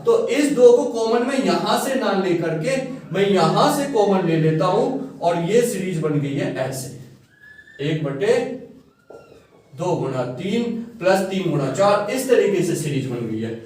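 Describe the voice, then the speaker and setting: Male maths tutor, high-pitched, coaxing, recorded far from the mic. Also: lively intonation, unhurried, a little mellow. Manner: coaxing, keeps checking students follow. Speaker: maths teacher. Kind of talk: classroom-style maths lesson. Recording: echoey room, far from mic.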